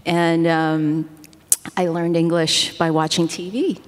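A middle-aged woman, born in the United States with Korean as her first language, speaks as a guest in a casual interview. Her voice is low-pitched with little pitch movement and a slow pace. She rambles, jokes at her own expense and uses many fillers, with long hall reverb on the recording.

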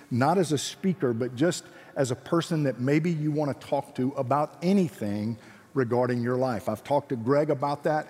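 Georgia accent guy preaching, medium pitch, talks straight and earnest, big reverby hall. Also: a little mellow. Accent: Georgia, US Southern. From Georgia, United States. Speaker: guest missionary speaker. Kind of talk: sermon to students with scripture readings. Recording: echoey hall with long reverb.

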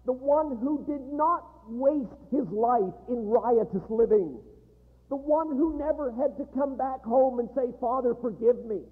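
A man preaching a sermon in a large chapel, emphatic and full of dramatic pauses. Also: extremely high pitch. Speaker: guest preacher. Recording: echoey hall, tinny narrow sound.

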